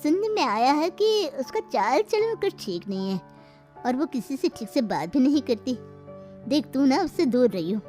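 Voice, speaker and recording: A woman's voice: sits high, very animated, normal speed, warm tone, soft background music. A woman voicing a fussy, gossiping middle-aged mother in a cartoon story, bossy and full of warnings.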